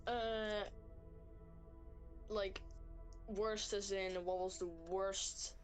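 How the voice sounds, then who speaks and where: A woman game developer, appearing as a guest collaborator, chats casually in very informal speech full of fillers like "like." Her mid-range voice is flat and extremely slow, with music playing behind her.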